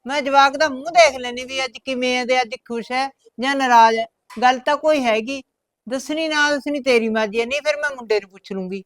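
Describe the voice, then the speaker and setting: A woman plays an older mother-in-law with a Punjabi accent, motherly and probing. Her voice sits high, recorded close and dry. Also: fast, no echo. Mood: insistent. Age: 60s. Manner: gentle but probing, motherly. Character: caring older mother-in-law, over sixty. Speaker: actor in a short film. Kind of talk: village short-film acting.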